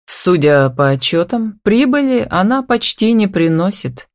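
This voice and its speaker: A woman's voice: mid-range voice, sing-song, unhurried, no echo, pitched above the performer's own voice. A woman reading an audiobook and voicing a confident, wealthy businessman who teases and gives orders in a drawling, playful way, recorded dry and close.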